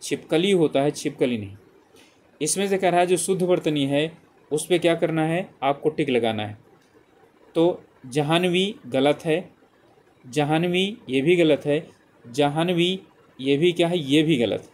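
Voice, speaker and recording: A man's voice: on the high side, measured pace, a little mellow. A male teacher going through spelling exam questions one by one, repeating the answer options and often checking in with "ठीक है". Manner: repetitive, keeps saying "ठीक है" and reading options aloud. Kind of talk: exam-prep lesson walking through multiple-choice questions.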